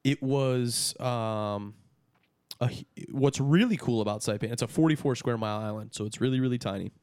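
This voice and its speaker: A man's voice: medium pitch, normal speed, darkish tone, smooth, no echo, studio quality. A man chatting casually on a podcast as a guest, peppering his talk with "dude". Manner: casual, says dude a lot.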